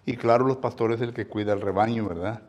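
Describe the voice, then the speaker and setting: A man with a Mexican Spanish accent preaching a sermon, talking in a chatty way with frequent tag questions and loud stressed emphasis on scripture. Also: on the low side, steady tone, brisk.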